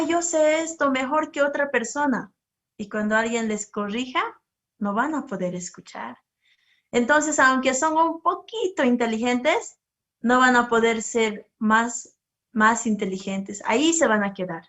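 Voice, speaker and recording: A woman's voice: a little high, unhurried. A woman leading a children's service, asking the kids questions and telling them a story. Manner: asks the children questions and acts out their voices; storytelling, gentle and animated. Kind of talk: children's sermon with slides.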